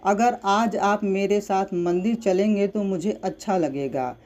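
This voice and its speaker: Narrator voicing a young wife, emotional and demanding, slow and mellow, storybook read. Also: medium pitch, close to an everyday voice. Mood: pleading.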